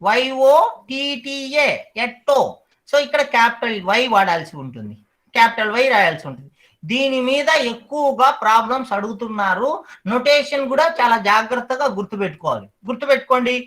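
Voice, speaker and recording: High-voiced male teacher drilling terms. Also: lively intonation, fairly bright tone, low-quality recording. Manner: repeats each term slowly for students to memorize. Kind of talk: online class lecture.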